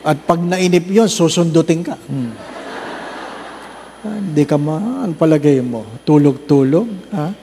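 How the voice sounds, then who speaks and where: A priest preaches to his congregation, mixing slow, emphatic lists with humorous stories and teasing questions to the pews. His voice sits fairly high for a man. The sound carries a long church reverb over a faint hiss. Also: expressive, warm tone. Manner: humorous storytelling, asks the congregation rhetorical questions; slow emphatic listing of works of mercy. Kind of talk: Advent recollection sermon.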